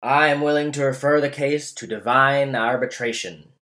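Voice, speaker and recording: A man's voice: mid-range voice, fairly even intonation, moderate pace, bright, forceful tone, voice pushed up, lightly acted. A man reading as an old man pleading for vengeance. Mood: accusing. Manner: impassioned pleading oratory. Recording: roomy echo.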